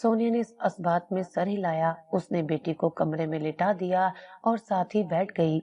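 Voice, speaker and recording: Low, mellow woman narrating a story.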